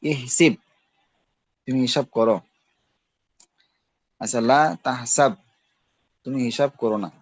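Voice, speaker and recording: A man's voice: mid-range voice, fairly even intonation, unhurried, long pauses, breathy edge, no room sound. A man teaching a class on Arabic grammar, patiently repeating each verb form with its meaning and checking in as he goes. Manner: checks in with "ঠিক আছে". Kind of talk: recorded class lesson.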